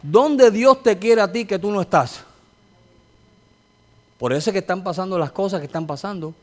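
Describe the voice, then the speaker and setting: A man's voice: sits high, normal speed. A man preaching a sermon as a pastor, telling a testimony with rising fervor.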